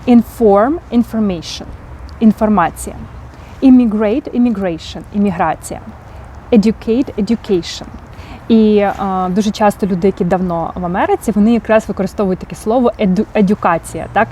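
A woman's voice: medium pitch, a little mellow, slight background noise. A woman with a Ukrainian accent teaching English vocabulary, explaining patiently and often checking in with "так?". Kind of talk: vocabulary lesson.

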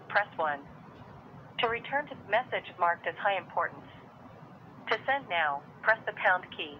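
A woman's recorded voicemail menu voice, heard over a landline phone, giving even, measured instructions. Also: medium pitch. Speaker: automated voicemail prompt. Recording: tinny phone line with faint hiss.

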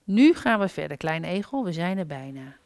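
A woman voicing a big, patient older male hedgehog who gently and kindly urges the little one along in a storybook reading. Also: fairly low pitch, very animated, normal speed, vocal fry, no room sound. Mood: gentle.

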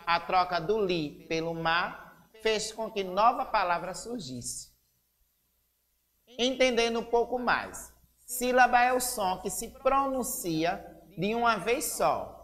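A woman teacher with a Brazilian accent giving a slow, deliberate literacy lesson, spelling out syllables. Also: medium pitch, fairly bright tone, big-room sound. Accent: Brazilian Portuguese.

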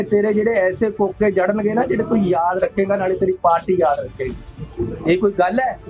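A man's voice: high-pitched, darkish tone, poor audio. A man with a Punjabi accent giving a political speech, scornful of rivals and appealing to his listeners. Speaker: politician addressing a crowd.

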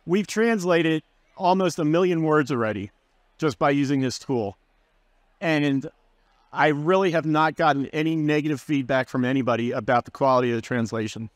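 A man talking through a work tool at a conference session, casual and keen. His voice sits a little high and sounds close and dry, with fillers as he goes. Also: normal speed, no room sound. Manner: casual, enthusiastic, explaining with fillers. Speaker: guest speaker, learning and development manager.

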